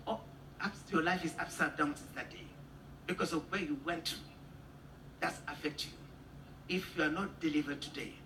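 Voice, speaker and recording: A man's voice: on the high side, sharp tone. A man leading a healing service as pastor, giving short commanding orders in non-standard English. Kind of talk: prophetic healing ministration. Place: large church hall. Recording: echoey hall, distant mic, faint noise.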